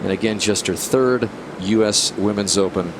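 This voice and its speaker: Low-voiced man, golf commentator. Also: moderate pace. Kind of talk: live golf tournament commentary. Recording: steady outdoor rumble behind voice.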